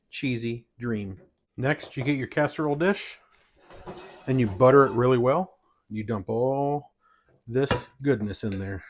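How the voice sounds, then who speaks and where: A man's voice: medium pitch, a little hiss or hum. A man hosting a casual cooking vlog, walking viewers through a recipe step by step with friendly enthusiasm. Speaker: cooking vlogger.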